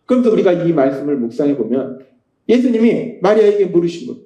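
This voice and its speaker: A man's voice: a little high, sing-song, fast talker, warm tone, reverberant, low-quality recording. A male pastor delivering a sermon, repeating key phrases and asking rhetorical questions with emphasis.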